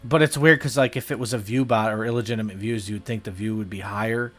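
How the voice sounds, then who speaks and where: Over faint music, a US streamer speaks quickly in a fairly low voice with fairly even intonation and a fairly bright tone. Chatting casually while gaming on a livestream, he rambles, hesitates, and jokes at his own expense.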